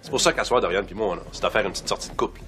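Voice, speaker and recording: A man playing a fast-talking Quebec dad. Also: fairly low pitch, crowd noise, lightly acted. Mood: wry. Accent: Quebec French. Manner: quick, sarcastic comic delivery. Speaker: father seeking a babysitter. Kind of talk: sitcom acting. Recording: loud background noise.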